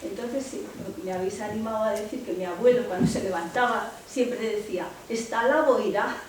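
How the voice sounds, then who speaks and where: A woman Alcañiz, telling anecdotes in a lively, hesitant way during a seminar discussion. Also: mid-range voice, fairly quick, far from the mic, a little hiss or hum. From Alcañiz, Aragón. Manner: anecdotal, animated, with frequent hesitations. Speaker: audience member. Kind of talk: spontaneous contribution in a seminar discussion. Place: seminar room. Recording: echoey hall, voice picked up from afar.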